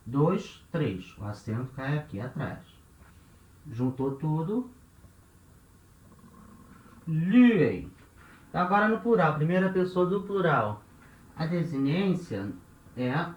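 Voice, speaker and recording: Guy teaching a grammar class, explains every step, keeps checking in, kinda high voice, roomy echo. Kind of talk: online language lesson.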